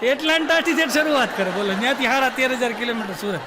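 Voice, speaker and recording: A man telling stand-up jokes, acting out the dialogue in quick voices. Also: very high-pitched, crowd noise, noisy background. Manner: storytelling with quick voiced dialogue, "બોલો" tags. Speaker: stand-up comedian.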